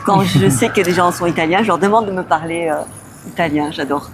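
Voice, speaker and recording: A woman's voice: on the low side, a little fast, background noise. A woman answering a street interview enthusiastically. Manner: enthusiastic, gushing. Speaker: passerby.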